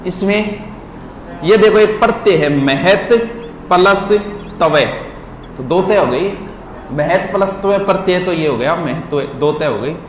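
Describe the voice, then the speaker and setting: In an echoey hall with faint noise, a man with a high, unhurried voice gives a classroom lecture. He drills words syllable by syllable and quizzes his listeners as he goes.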